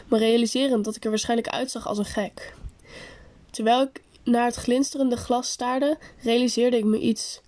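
Woman narrator with a fairly high voice, reading a first-person story at a steady, unhurried pace.

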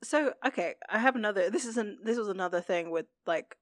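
A woman's voice: medium pitch, expressive, quick pace, no room sound. A woman co-hosting a podcast, chatting casually about a TV episode, laughing often and using many fillers. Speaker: podcast co-host. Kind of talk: casual chat recapping a TV episode.

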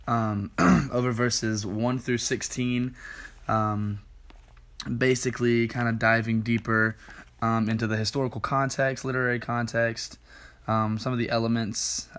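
A young man who leads youth worship gives a relaxed Bible study talk, his medium-pitched, fairly bright voice sounding tired and a little hoarse. He says "um" a lot and keeps clearing his throat.

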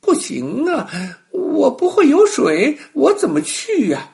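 A man doing a shrill excitable little monkey. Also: takes it slowly, creaky, exaggerated voice. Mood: eager. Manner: squealing and excitable.

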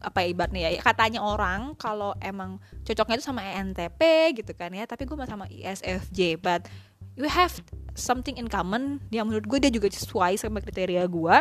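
A woman's voice: medium pitch, fairly quick, faint music behind. A young adult woman hosting a casual chat podcast, blunt and slangy, dropping English phrases into her talk. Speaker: podcast host.

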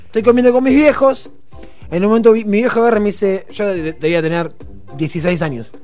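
A man in his thirties with an Argentine accent, telling comic stories on live radio in a deadpan, ironic way. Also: sits high, quick pace, soft background music. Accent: Argentine Spanish. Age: 30s. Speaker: comedy segment host. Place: radio studio.

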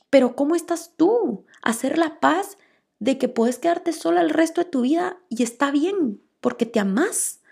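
A young woman from Guatemala speaks casually as a coach on a motivational podcast. Her voice sits high, a little mellow, with vocal fry, and she is earnest and repetitive, coaxing listeners with rhetorical questions.

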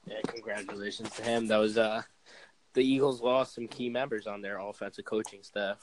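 A young man with a low voice co-hosts a relaxed sports podcast. He hesitates and restarts his sentences before giving short opinions. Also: fairly quick, slight background noise, poor audio. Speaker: podcast co-host. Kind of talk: casual sports chat.

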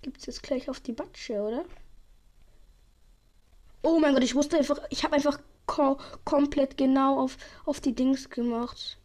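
Excitable high-voiced woman gaming. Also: unhurried. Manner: excitable, swears, uses youth slang; sometimes drops to a whisper. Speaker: gaming channel host. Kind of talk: live gameplay commentary. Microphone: headset or desk mic.

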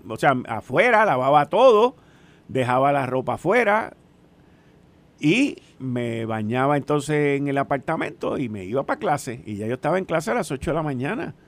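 A man in his sixties with a Puerto Rican accent, chatting casually and telling stories in an animated way, often putting questions to the listener. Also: on the high side, normal speed. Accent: Puerto Rican Spanish. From Puerto Rico. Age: 60s. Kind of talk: casual storytelling chat.

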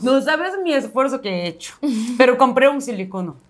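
A woman's voice: high-pitched, lively intonation. Giggly woman host who teases. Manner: giggly, teasing, halting speech with restarts. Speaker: podcast host. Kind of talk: casual chat. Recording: noisy background.

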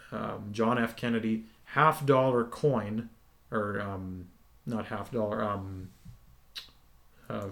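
A man co-hosting a podcast, recapping a TV episode in a relaxed, casual way with lots of ums. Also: on the low side. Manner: relaxed, many ums, explains at length. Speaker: podcast co-host.

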